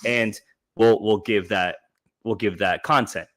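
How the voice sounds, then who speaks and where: A man co-hosting a casual chat podcast, animated and prone to quick restarts. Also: fairly low pitch. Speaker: podcast co-host.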